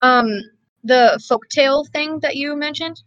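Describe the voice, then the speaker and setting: Here a woman's high-pitched, fairly bright voice moves at an unhurried pace as she plays an online tabletop game. She falters often, restarting and using fillers, over a muffled, breaking-up voice-chat connection; the dry recording has a dull lo-fi online-call quality.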